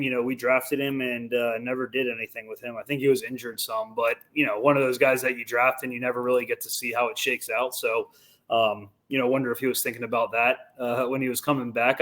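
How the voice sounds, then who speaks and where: A young man co-hosting a sports podcast, talking casually with slang and repeated words. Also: mid-range voice. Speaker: podcast co-host.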